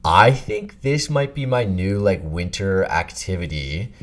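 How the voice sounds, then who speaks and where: A man's voice: deep voice, expressive, measured pace. A man in his twenties co-hosting a podcast, chatting casually and rambling with lots of fillers. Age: 20s. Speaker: podcast co-host. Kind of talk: casual chat.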